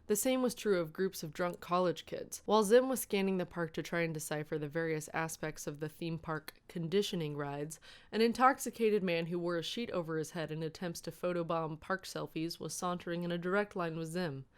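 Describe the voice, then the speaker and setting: A woman narrates comic fan fiction, reading a scripted story of prepared prose aloud. Her voice is fairly low and smooth, and she moves a little fast.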